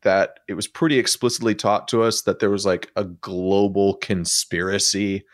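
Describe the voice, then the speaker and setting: A man with a very low voice explains his thinking at an unhurried conversational pace, with a fair number of fillers. The sound is dry and close, with no room echo. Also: steady tone. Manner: thoughtful, explanatory, frequent filler words. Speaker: podcast guest. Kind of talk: casual conversational discussion.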